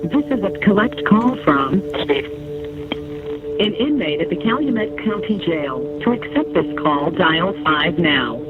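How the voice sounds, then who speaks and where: A man's voice: high-pitched, expressive, unhurried. Sing-song recorded payphone operator man. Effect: recorded operator message over a payphone line. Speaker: automated collect-call announcement. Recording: tinny phone line with music behind.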